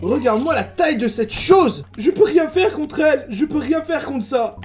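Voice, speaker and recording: A man giving excitable let's play commentary, full of exclamations and mild swearing. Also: very high-pitched, moderate pace, faint music behind. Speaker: gaming YouTuber.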